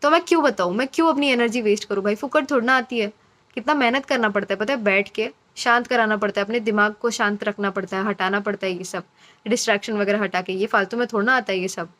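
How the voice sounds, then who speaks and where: A woman's voice: mid-range voice, fast talker, a bit bright. A woman giving a casual, encouraging intuitive reading to her viewers, chatty and repeating phrases for emphasis. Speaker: intuitive card reader.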